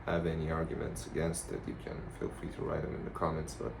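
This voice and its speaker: A man giving a casual, rambling vlog monologue in a blunt, profane, halting way. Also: very deep voice, completely flat delivery, vocal fry. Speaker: vlogger. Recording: noticeable background noise.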